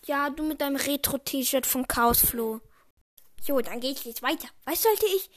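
A woman's voice: sits high, unhurried. A young girl making chatty, playful asides between passages of a story reading. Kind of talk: casual asides.

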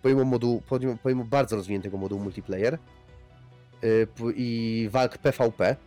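A man's voice: medium pitch, fairly quick, dark tone, soft background music. A man hosting a casual podcast discussion, talking in a rambling way and often repeating himself. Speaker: podcast host.

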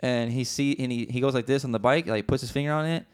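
A man tells a story in loose podcast chat, words tumbling out quickly. He rambles, swears freely and restarts his sentences often. His pitch sits in the middle of the male range. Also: a little mellow. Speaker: podcast co-host. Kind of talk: casual storytelling.

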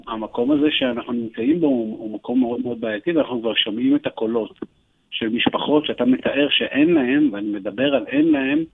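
Gravelly man on a tinny phone line. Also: medium pitch. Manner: earnest, urgent, with many hesitations. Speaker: interview guest, economic educator. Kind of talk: radio interview talk.

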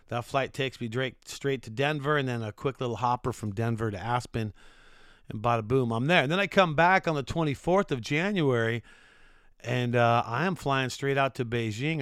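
A man's voice: medium pitch, fairly bright tone, clear, resonant tone, no room sound, studio quality. A middle-aged American man hosting his own podcast, chatting in an upbeat, rambling way with lots of fillers. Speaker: podcast host and sports announcer. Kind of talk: casual solo podcast talk.

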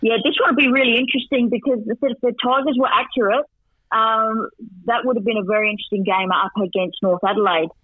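Male guest analyst, talkative, stats-heavy, high voice down a phone line. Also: fairly even intonation, fast talker, no room sound. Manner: chatty, rattles off stats with asides. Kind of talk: radio sports recap and tips by phone. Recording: tinny dry phone line.

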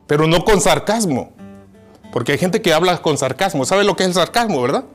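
High-voiced preacher over soft guitar. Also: male voice, lively intonation, a little fast. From Mexico. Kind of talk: sermon.

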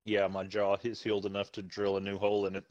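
A man's voice: on the low side, monotone, fast talker, a little mellow, dull audio. A man, chatting casually with friends over a game, slightly lisping and swearing freely. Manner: laid-back, swears freely, slight lisp from a new denture. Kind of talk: casual gaming voice chat.

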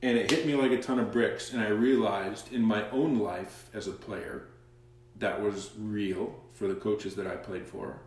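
A man, a coach being interviewed, telling stories in an animated way. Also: fairly low pitch, measured pace, slight background noise. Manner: animated storyteller, acts out quoted dialogue. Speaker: guest, soccer coach. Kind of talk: casual interview storytelling. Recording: very echoey room, far from the mic.

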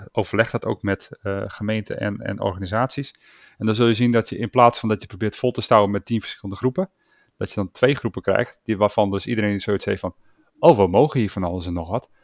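In a clean, echo-free studio recording, a Dutch-accented man with a lowish voice co-hosts a casual podcast discussion. He's agreeable but hesitant, frequently restarting his sentences and filling gaps with filler sounds.

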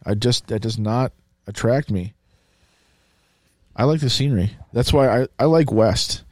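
A man, chatting loosely and crudely with a friend. His mid-pitched voice sits close and dry, with no room around it. He jokes and repeats his own catchphrases. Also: unhurried, a little mellow, no echo. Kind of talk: casual chat.

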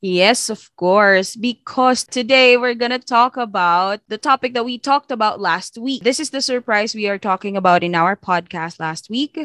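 A woman co-hosting a casual podcast, speaking slowly and deliberately. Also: medium pitch, a bit bright, dry recording, clean studio sound. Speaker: podcast co-host.

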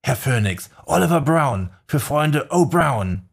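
A man's voice: mid-range voice, sing-song, slow pace, gravelly, slightly rough, voice pushed up, exaggerated voice. A man voicing an eager, effusive older male fan who stammers and gushes in an audiobook. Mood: gushing.

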